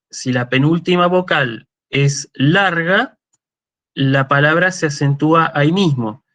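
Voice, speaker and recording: A man's voice: fairly high pitch, a bit bright. A man with an Argentine Spanish accent giving a university lecture, explaining step by step and often checking in with a questioning "¿sí?". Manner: thinking aloud with fillers and restarts.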